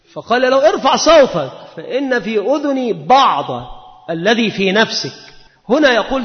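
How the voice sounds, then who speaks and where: A man teaching Arabic rhetoric in a lecture. He explains each point step by step, asks questions and answers them himself, and recites verses slowly with stress. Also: high-pitched. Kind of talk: classroom lecture. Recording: dull sound with a long hall echo.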